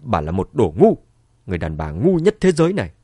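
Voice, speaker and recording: A man voicing a cold, contemptuous family head who speaks low and hard. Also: huge pitch swings, a little fast, mellow, no room sound, studio quality.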